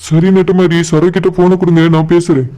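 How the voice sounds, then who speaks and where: A man voicing a young village man in a cartoon, calm and reassuring on the phone. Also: on the high side, quick pace, natural voice, low-quality recording.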